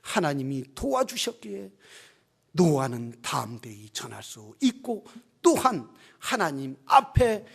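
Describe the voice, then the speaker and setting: A man preaching a sermon as pastor. He swings from shouted exhortation to a hushed near-whisper and keeps putting rhetorical questions to the congregation. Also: fairly high pitch, big pitch swings, slow, vocal fry, breathy edge.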